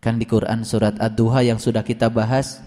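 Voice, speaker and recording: A man preaching a sermon, swinging up to high emphatic peaks and chanting scripture verses slowly. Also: little pitch movement, warm tone. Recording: long hall reverb.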